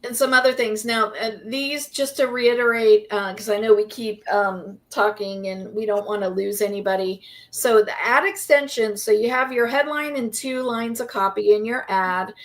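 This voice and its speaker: A woman's voice: on the high side, normal speed, hardly any pauses. A woman co-hosting a business webinar, explaining in a friendly way with wry asides. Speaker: webinar co-host.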